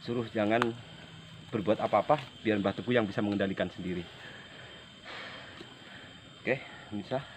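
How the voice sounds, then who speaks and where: A man narrating a night ghost-hunting vlog to viewers outdoors, speaking in a halting, repetitive, uneasy way. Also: lowish voice. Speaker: paranormal exploration vlog host. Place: outdoors at night, rural site. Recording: noisy outdoor location recording.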